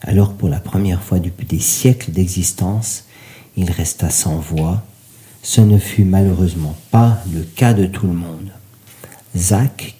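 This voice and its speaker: Low dark man telling a story, dramatic and fancy, whispers sometimes. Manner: theatrical, ornate storytelling with whispered asides. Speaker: narrator. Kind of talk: scripted narration of a story.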